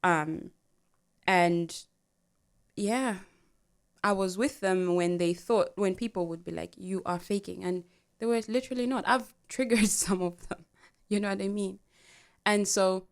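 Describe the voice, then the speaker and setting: A woman co-hosting a podcast in casual chat, animated and laughing often as she talks. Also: medium pitch. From Africa. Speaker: podcast co-host.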